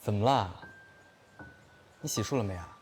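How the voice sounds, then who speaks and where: A man playing a tender, gently bossy partner, soft and coaxing, in an intimate audio drama. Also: fairly low pitch, moderate pace, close to an everyday voice. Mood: doting. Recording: music under the voice.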